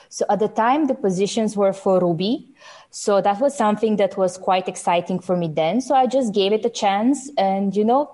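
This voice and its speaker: A woman's voice: medium pitch, warm tone. A woman from Bulgaria, a guest on a podcast, chatting about her life and work with easy fillers. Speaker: podcast guest, web developer. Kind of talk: casual interview answers.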